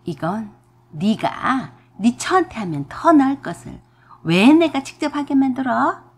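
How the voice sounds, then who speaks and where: A greedy, overbearing older mother-in-law, put on by a woman reading a radio drama. She scolds and wheedles with a husky, breathy edge. Her pitch rises and falls widely through each demand. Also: animated, unhurried. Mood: scolding. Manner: domineering, scolding, shouting.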